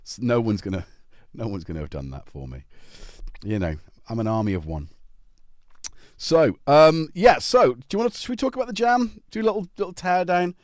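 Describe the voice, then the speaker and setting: A middle-aged North Welsh man hosts a casual livestream from his home, greeting viewers by name and joking as he goes, in a North Welsh accent. He speaks expressively at normal speed in a mid-range, somewhat mellow voice. The recording is dry and studio-clean.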